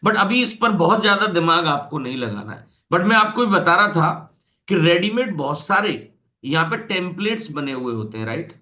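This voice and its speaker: A man's voice: fairly high pitch, bright, forceful tone, highs cut off. A man with an Indian accent teaching a coding tutorial in Hindi mixed with English terms, explaining step by step and checking in with the viewer. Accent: Indian Hindi, mixing English terms. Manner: explanatory, addresses viewer directly, frequent "right?". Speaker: programming tutor. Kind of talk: screen-recorded coding tutorial.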